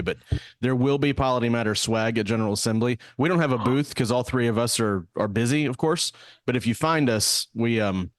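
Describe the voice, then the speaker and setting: A man's voice: on the low side, dry recording, clean studio sound. A man hosting a casual podcast chat, friendly and often restarting his words. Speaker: podcast host.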